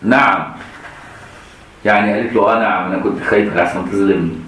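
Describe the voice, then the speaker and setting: A man's voice: on the low side, steady tone, quick pace, fairly bright tone. A middle-aged man with an Egyptian Arabic accent gives a colloquial hadith commentary lesson, explaining with rhetorical questions and laughing now and then. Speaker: religious teacher. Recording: echoey room.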